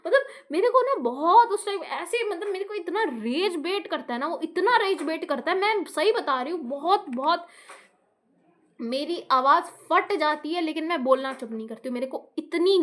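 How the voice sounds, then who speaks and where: High-voiced Indian woman venting. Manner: frustrated venting, mixing Hindi and English, swears. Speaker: vlogger. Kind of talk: casual self-talk vent.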